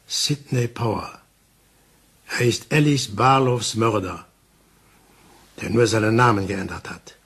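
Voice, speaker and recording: In a German crime radio play, an actor voices an older male detective with a mid-range, slightly breathy voice. He speaks calmly and insistently, explaining things deliberately with dramatic pauses.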